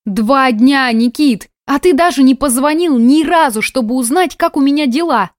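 Brief: woman narrator doing a heated, mocking young woman in an audiobook, bright higher voice, dry booth sound. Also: normal speed, no room sound, lightly acted. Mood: sarcastic, heated. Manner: biting, sarcastic, emotional. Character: young woman, sarcastic, hurt, quick-tempered. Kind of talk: audiobook dialogue.

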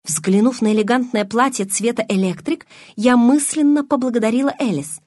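A woman narrating a first-person audiobook in an expressive, emotional reading. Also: on the high side, moderate pace, dry recording, studio quality.

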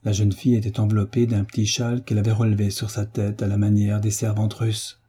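A man reading a novel aloud as an audiobook narrator, gentle and measured, lifting his voice slightly for the characters. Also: fairly low pitch, monotone, slightly rough. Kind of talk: scripted narration.

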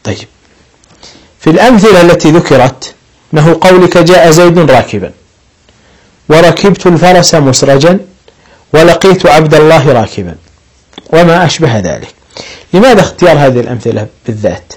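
A man's voice: fairly high pitch, expressive, a little fast, long pauses, darkish tone, low-quality recording. A man teaching an Arabic grammar lesson, explaining patiently step by step and lifting his voice on each example sentence.

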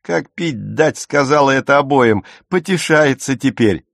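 A man voicing a sharp-tongued teenage girl who mocks and scolds two fighting boys. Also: lively intonation, a little slow, creaky, no room sound, clean studio sound. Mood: mocking. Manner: mocking, shrill.

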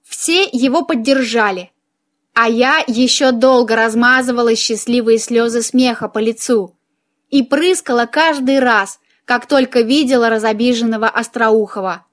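Чтица юмористического фэнтези, живая и игривая подача, голос довольно высокий. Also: female voice, a little high, normal speed. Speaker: audiobook narrator. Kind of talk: humorous fantasy audiobook narration.

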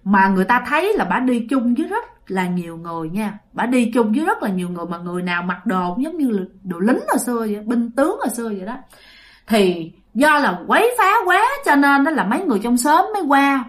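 A woman's voice: a little high, sing-song, quick pace. A woman telling a ghost story in a chatty way, speaking directly to listeners. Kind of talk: casual spoken ghost story.

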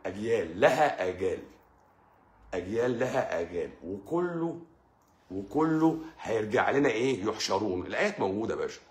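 A man's voice: medium pitch, reverberant. A man with an Egyptian Arabic accent giving a religious talk, speaking straight to his listener and often repeating himself. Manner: lively, addresses listener directly, repeats and stammers. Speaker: channel host.

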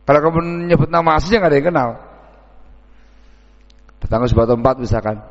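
A man's voice: on the high side, fast talker. A man giving a dawn sermon, telling folksy stories and acting out village conversations. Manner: folksy storytelling, acts out village dialogues. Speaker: preacher. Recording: echoey hall, dull lo-fi sound.

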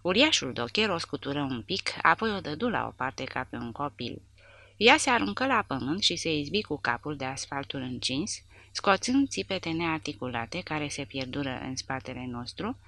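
Woman narrator for a war audiobook; low, bright, dramatic reading. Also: no echo. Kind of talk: scripted narration.

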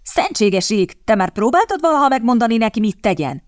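A woman voicing an exasperated, teasing young gentleman captain in an audiobook, speaking in lively, urgent outbursts. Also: a little high, no echo, clean studio sound, pitched above the performer's own voice.

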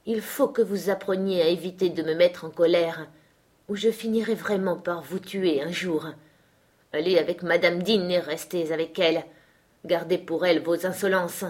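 A woman's voice: fairly low pitch, moderate pace, a little mellow, lightly acted. A woman playing a brutal, threatening master. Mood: menacing. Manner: harsh, threatening commands. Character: brutal domineering middle-aged master.

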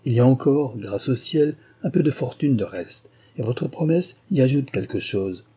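A man reading an audiobook and voicing an old male gentleman who speaks deliberately and formally. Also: mid-range voice, lively intonation, husky. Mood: grave.

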